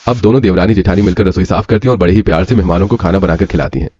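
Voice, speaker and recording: A man narrating a cartoon story in a brisk, scripted storytelling manner. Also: low voice. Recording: lo-fi with soft music.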